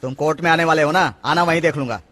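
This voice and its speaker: A man's voice: fairly high pitch, quick pace, a bit bright, big-room sound. A man dubbing a bossy, threatening officer in a Hindi film.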